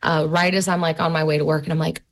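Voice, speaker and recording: A woman in her thirties talks in a loose, chatty way, piling on fillers as she tells a story. Her voice sits fairly low for a woman. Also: level tone, fast talker, slight background noise. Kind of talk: casual conversation.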